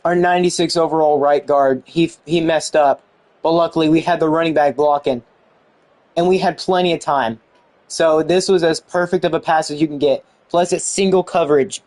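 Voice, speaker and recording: A young man giving excited commentary on a football video game he is playing, exclaiming and mildly swearing. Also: a little high. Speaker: gaming YouTuber.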